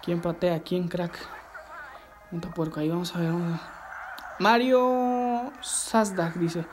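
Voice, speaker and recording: Gaming streamer, male, excitable live-chat host reading viewer comments, loud game music behind. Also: on the high side, fairly quick. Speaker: livestreaming gamer host.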